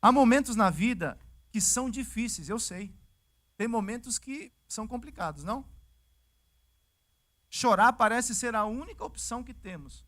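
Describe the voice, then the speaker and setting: A male pastor with a Brazilian Portuguese accent, preaching a sermon in a lively, conversational way and acting out the scripture scenes. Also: very high voice, moderate pace, long pauses. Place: church service.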